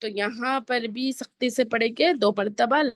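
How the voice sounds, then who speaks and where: A woman with a Pakistani Urdu accent leads a tajweed lesson, going letter by letter through each mark and rule in a patient, methodical way. Her voice sits high, and the recording is close and dry with no room sound. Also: no room sound. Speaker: Quran recitation teacher. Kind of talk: tajweed lesson, spelling out rules then slow recitation.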